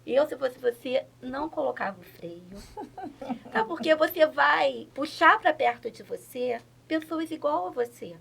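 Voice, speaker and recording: Woman, earnest and encouraging, gravelly creak, husky, fairly high voice. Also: lively intonation, a little slow, a bit bright. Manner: earnest, encouraging, asks for agreement. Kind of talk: casual podcast chat.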